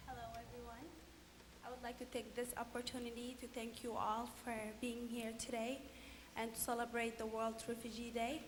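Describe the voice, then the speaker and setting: A young woman from Sudan with a fairly high voice recites a poem to an audience, heartfelt and deliberate. Her words echo through a large hall with long reverb, and faint hiss runs underneath. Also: little pitch movement. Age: young adult. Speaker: chorus member reciting a poem. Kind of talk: poetry recitation.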